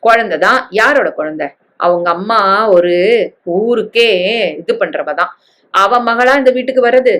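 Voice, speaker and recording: A woman's voice: fairly high pitch, expressive, a little slow, pauses often, a bit bright. A woman voicing a harsh, scornful middle-aged mother who scolds with contempt.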